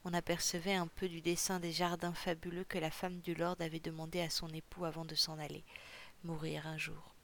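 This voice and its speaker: A narrator reading a novel chapter aloud for a podcast in a measured, even storytelling manner. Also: mid-range voice. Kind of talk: audiobook reading.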